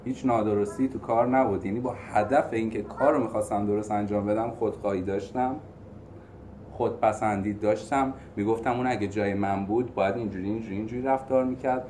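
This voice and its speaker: A man in a group meeting, sharing his view in a reflective, measured way and offering a personal example. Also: on the low side, fairly even intonation, a little mellow, slight background noise. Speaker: group member.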